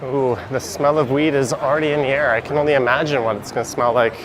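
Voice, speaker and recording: A man's voice: mid-range voice, fairly even intonation, fast, a crowd in the background. A man with a Canadian accent chatting casually as he power walks and live streams through city streets. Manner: chatty, speaks while power walking. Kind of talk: casual walking commentary. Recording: outdoor street noise. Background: traffic and street noise.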